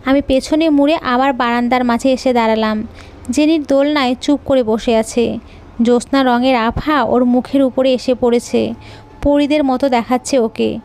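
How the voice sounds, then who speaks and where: A woman telling a scripted audio story in the first person, in a calm, measured way. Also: sits high.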